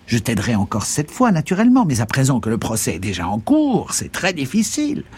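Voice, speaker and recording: A man voicing an excitable, loud older country uncle in an audiobook reading, agitated and pressing. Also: mid-range voice, brisk, husky, pitched above the performer's own voice.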